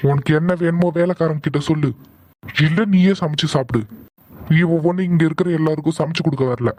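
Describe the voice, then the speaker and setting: A man voicing a protective, hot-tempered young husband in a cartoon, speaking in a sharp, commanding way. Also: fairly high pitch, a little fast, no echo, close to an everyday voice. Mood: angry. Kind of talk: cartoon voice acting.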